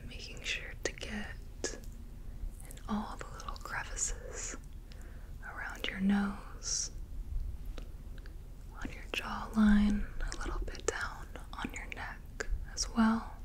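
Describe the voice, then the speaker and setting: A woman doing a whispered role-play as a gentle, soothing spa attendant, in a soft, breathy whisper. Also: medium pitch, flat delivery, slow, pauses often. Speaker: ASMR host playing a spa beautician.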